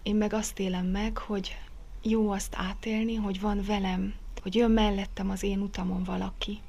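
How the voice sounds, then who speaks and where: Female pastor, mid-pitched, earnest and thoughtful, softly spoken. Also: flat delivery, creaky, a little hiss or hum. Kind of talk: reflective interview talk.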